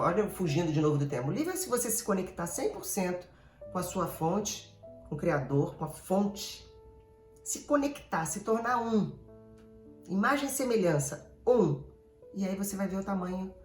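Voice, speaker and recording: A Brazilian woman therapist giving an animated, digressive motivational talk, speaking straight to her listeners. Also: mid-range voice, echoey room. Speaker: emotional therapist.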